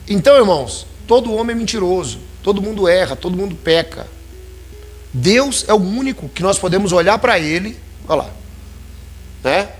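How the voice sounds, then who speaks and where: A man's voice: high voice, animated, normal speed, slightly rough, faint music behind. A man preaching a sermon in a church, talking conversationally and calling his listeners brothers.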